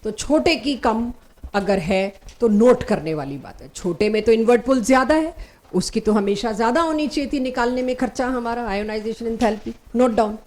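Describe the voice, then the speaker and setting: Brisk woman chemistry teacher. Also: on the high side, darkish tone. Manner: explains step by step, mixing Hindi and English terms; firm, brisk classroom commands. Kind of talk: recorded online lecture.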